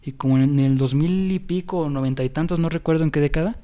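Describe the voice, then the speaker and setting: This podcast host, a young man with a Mexican accent, talks fast in a slightly high, warm voice with fairly even intonation. His casual chat about music history wanders, full of fillers and restarts.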